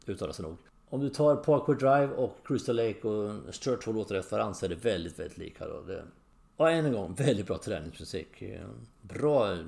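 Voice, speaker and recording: A man's voice: on the low side, creaky, a little mellow. A middle-aged man hosting a podcast, talking alone in a casual, rambling way with many fillers. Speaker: podcast host. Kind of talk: casual monologue.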